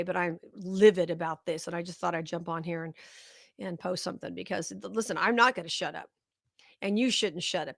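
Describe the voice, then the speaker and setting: A woman's voice: on the low side, fairly bright tone, no echo, studio quality. A middle-aged woman hosting a live political commentary show, talking straight to her viewers with indignant, sarcastic outrage.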